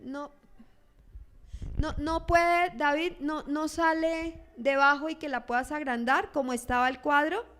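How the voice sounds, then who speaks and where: A woman pastor, preaching a sermon in an animated way. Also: high voice, a little slow. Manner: animated, acts out churchgoers' lines in quoted voices.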